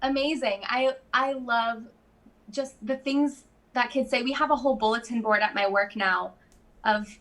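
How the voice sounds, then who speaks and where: Woman in her 30s chatting away, kinda high voice, laughs a lot. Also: moderate pace, a bit bright. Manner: chatty, laughs often, many fillers. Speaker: guest. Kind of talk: casual chat.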